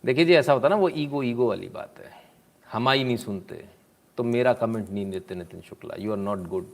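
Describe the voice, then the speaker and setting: A man gives loose, off-the-cuff political commentary. His tone is teasing and sarcastic, full of mocking asides. He keeps clearing his throat and throwing in a questioning "hmm?" while he talks into a close mic. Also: medium pitch, normal speed.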